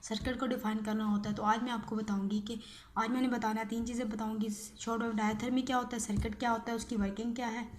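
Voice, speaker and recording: A woman who lectures in physiotherapy explains things informally, talking fast with a flat delivery in a slightly high voice. She often repeats key phrases and checks in using short tag words, and a little hiss or hum is audible.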